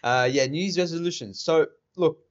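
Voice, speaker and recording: A man's voice: fairly high pitch, moderate pace. A young man co-hosting a casual podcast outdoors, talking loosely and laughing over a game. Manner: laid-back, laughing, many fillers. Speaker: podcast co-host. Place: outdoors in a neighborhood. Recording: slightly dull audio.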